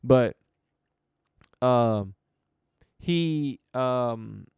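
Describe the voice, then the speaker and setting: A man's voice: mid-range voice, animated, extremely slow, creaky, darkish tone, clear, resonant tone, no echo, clean studio sound. Rambling laid-back American man podcasting. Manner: rambling, laid-back, many fillers and restarts, swears casually. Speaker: podcast host. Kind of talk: casual solo podcast chat.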